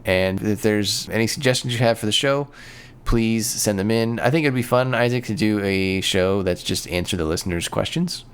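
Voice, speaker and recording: Laid back podcast cohost guy, low voice, smooth, a bit wry. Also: normal speed. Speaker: podcast co-host. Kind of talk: casual chat.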